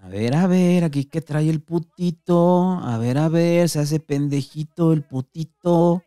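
A man's voice: fairly high pitch, unhurried, mellow, smooth, no room sound, clean studio sound, pitched above the performer's own voice, close to an everyday voice. A man with a Mexican accent voicing a crude, mocking young stoner in a read-aloud story.

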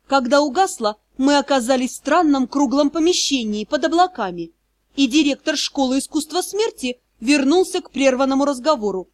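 A woman narrating a fantasy audiobook in the first person with an even storytelling delivery. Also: high-pitched, normal speed, no room sound.

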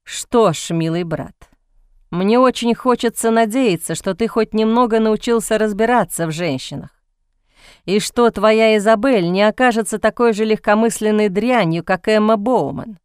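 A woman's voice: mid-range voice, normal speed, clear, resonant tone, no room sound, studio quality, lightly acted. Woman voicing a sardonic aristocrat. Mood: cold, contemptuous. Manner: mocking, sarcastic drawl. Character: cynical sardonic aristocratic older brother, man.

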